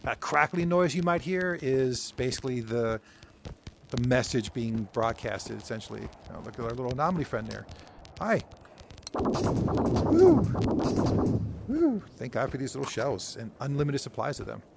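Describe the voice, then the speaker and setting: A man's voice: mid-range voice, fairly quick, gravelly. A man giving casual, rambling VR gameplay commentary, joking and poking fun at himself, in a noisy recording. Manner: rambling, joking, self-deprecating. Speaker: VR game video creator.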